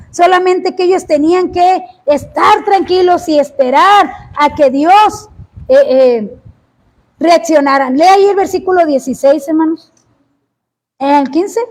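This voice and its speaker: This very high-pitched woman delivers a fervent sermon in which she repeatedly breaks into shouts and lengthens words for emphasis.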